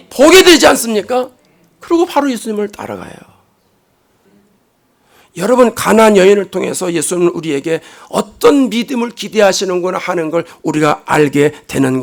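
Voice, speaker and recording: Brief: male pastor, very high gravelly voice, emphatic sermon delivery with sudden hushed drops. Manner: swings between loud emphatic rises and quiet low asides; acts out quoted lines dramatically. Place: church sanctuary.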